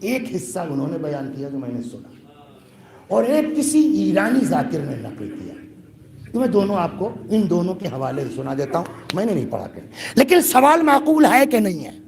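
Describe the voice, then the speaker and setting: A man from India preaching a majlis sermon to mourners. He asks the listeners rhetorical questions, and his voice swells into loud grieving cries. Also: high-pitched, huge pitch swings, gravelly. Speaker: Shia cleric addressing a majlis. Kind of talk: majlis sermon rising to a lament. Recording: live gathering with crowd noise. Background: audience of mourners.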